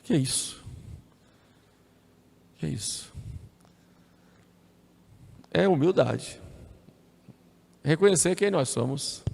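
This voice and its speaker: A priest preaches his homily in a fairly high, gravelly voice. He talks to the congregation conversationally, with tag questions and repeated phrases. The sound rings with the long reverb of a church. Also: lively intonation, slow pace, long pauses, a little mellow. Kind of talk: sermon.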